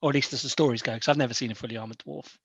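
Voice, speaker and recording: A man's voice: mid-range voice, steady tone, rapid-fire, vocal fry, slightly rough, dry recording. A man playing a courteous, diplomatic elf in improvised tabletop role-play, speaking with polite, formal persuasion. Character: courteous, diplomatic male elf, smooth-talking negotiator. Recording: dull, lo-fi close audio.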